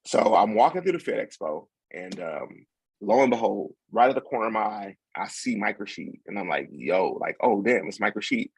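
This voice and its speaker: A young man, a podcast guest, telling a story in a relaxed, rambling way with plenty of fillers and restarts. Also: on the low side, normal speed, vocal fry, husky, no echo, poor audio. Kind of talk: casual storytelling.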